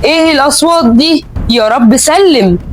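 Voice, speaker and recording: A woman's voice: high-pitched, normal speed, slight background noise, close to an everyday voice. A woman with an Egyptian Arabic accent voicing an anxious but composed young female journalist in a horror story. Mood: frightened, composed. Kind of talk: dramatic horror story character acting.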